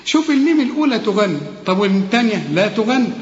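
High-voiced Egyptian man coaching recitation. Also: expressive. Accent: Egyptian Arabic. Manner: coaching, demonstrates words slowly and repeats them. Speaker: Quran recitation teacher. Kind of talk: tajweed lesson, one-on-one drilling. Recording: echoey hall, dull lo-fi sound.

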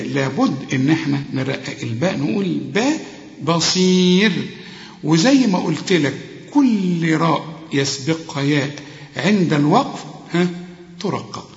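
A man with an Egyptian accent teaching tajweed, who patiently slows down to model each word for a learner. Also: a little high, vocal fry. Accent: Egyptian Arabic. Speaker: Quran recitation teacher. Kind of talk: tajweed lesson. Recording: echoey reverberant room, dull lo-fi sound.

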